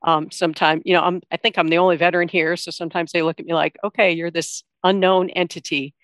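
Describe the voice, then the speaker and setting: A woman's voice: fairly low pitch, level tone, quick pace, a bit bright, dry recording. A woman giving informal, explanatory answers as a guest in a conversational interview. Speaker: interview guest, veteran coordinator at a nonprofit.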